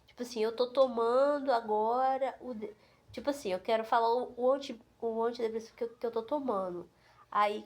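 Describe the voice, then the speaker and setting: A woman's voice: mid-range voice, darkish tone. A woman in her fifties chatting to camera from home, with lots of fillers and asides to her viewers. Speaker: vlogger. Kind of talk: casual chat to camera.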